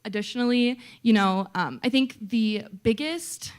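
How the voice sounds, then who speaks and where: A woman's voice: a little high, measured pace, clear, resonant tone. A young woman, a student candidate, answering in a debate in a chatty, hesitant way full of fillers. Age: young adult. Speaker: student vice-presidential candidate.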